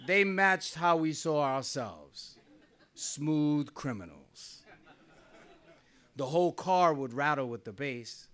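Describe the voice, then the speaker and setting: Telling a wry, chatty story about his own life at a small live venue, a middle-aged man from New Jersey laughs often. His pitch is fairly high and his delivery animated and slow, with a slightly bright sound.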